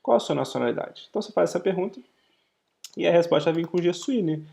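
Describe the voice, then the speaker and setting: Fairly high-pitched, creaky and darkish, this Brazilian-accented man gives a live online French class with lively intonation. He explains step by step, tosses in frequent "ok?" checks, and slows down to say the French words.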